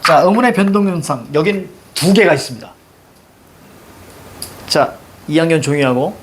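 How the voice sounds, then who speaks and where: A man's voice: on the high side, expressive, normal speed. A male teacher giving a classroom grammar lesson, questioning students and repeating key words.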